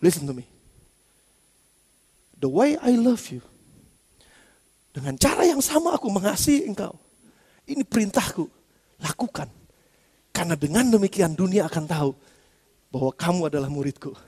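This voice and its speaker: Man acting out a loving teacher in sermon role-play, high voice, long reverb. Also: expressive, fast talker. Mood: gentle. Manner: pleading, earnest, alternating soft and loud. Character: Jesus, gentle loving male teacher addressing his disciples.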